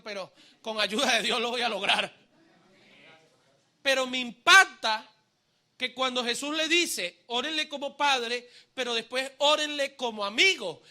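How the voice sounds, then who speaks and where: At a church service, a male pastor with a very high-pitched voice preaches a live sermon, getting the congregation to repeat phrases and shouting the refrains. He drops humorous asides and swings suddenly from hushed to loud.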